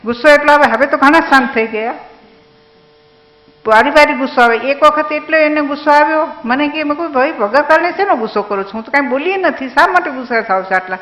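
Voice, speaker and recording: An older woman giving a personal reminiscence speech about her husband, with a gently humorous storytelling manner. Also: sits high, fast talker, hardly any pauses, roomy sound, poor audio. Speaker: speaker's wife giving a tribute.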